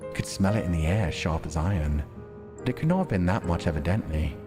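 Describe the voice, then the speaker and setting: A deep-voiced, animated man livestreams a visual novel, reading it aloud as dramatic narration and chatting casually about it. His reading is measured and deliberate, like storytelling. The recording has long reverb with music playing behind him.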